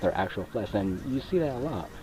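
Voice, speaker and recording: A young Mexican man who makes gaming videos talks casually over his gameplay, rambling and hesitant with many fillers, into a cheap computer microphone. His voice is on the low side, animated and a little fast, with controller clicks and a crowd audible in the background.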